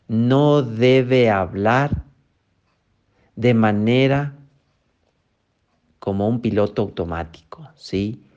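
A man's voice: on the low side, a little mellow, dull audio. A man giving a motivational talk. He speaks emphatically, posing rhetorical questions and then answering them.

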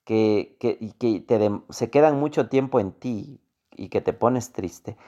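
Slow, mellow-voiced male instructor. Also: fairly low pitch, lo-fi sound. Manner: deliberate, repeats phrases and checks with "¿sí?". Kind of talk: recorded course lecture.

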